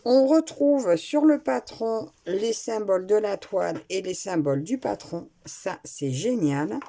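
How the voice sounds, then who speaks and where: A woman's voice: mid-range voice, expressive, a little slow, creaky, mellow. A woman chatting casually while unboxing a craft kit at home, talking with hesitations and restarts into a nearby camera mic. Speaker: craft vlogger. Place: at home, indoors.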